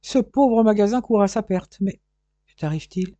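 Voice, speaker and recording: A man's voice: high voice, normal speed, warm tone, no room sound, highs cut off, voice pushed up, lightly acted. Man reading as a blunt protective brother. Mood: scolding. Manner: blunt, scolding.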